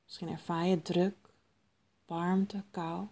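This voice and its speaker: Slow, soft-spoken woman guiding meditation. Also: lowish voice. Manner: soft, calm, soothing delivery with long pauses. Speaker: meditation guide. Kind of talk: guided mindfulness meditation.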